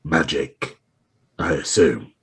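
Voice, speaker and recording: Male tabletop player, extremely low and rough-husky, casual in-game talk. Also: takes it slowly, a bit bright. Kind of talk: casual tabletop role-play chat.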